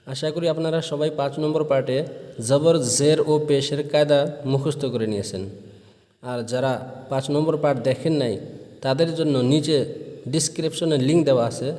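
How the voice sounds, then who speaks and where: A man's voice: on the high side, dark tone. Man teaching with long hall echo. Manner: repeats rules slowly, drawing out syllables in drills. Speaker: Quran reading teacher. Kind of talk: recorded online lesson.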